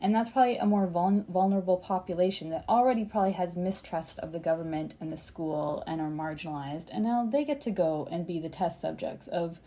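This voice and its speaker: A woman co-hosting a podcast, animated and exasperated in casual chat. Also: fairly low pitch, fairly quick, few pauses. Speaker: podcast co-host.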